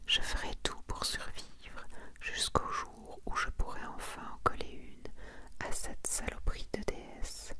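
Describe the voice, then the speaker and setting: This ASMR host whispers quietly and without hurry as she presents her manga collection, reading out summaries and offering offhand comments along the way.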